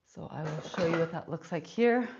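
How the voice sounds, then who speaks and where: A woman's voice: low-pitched, fairly quick, muffled recording, noisy background. A woman fitness instructor leading a live workout, counting reps aloud and getting out of breath between sets.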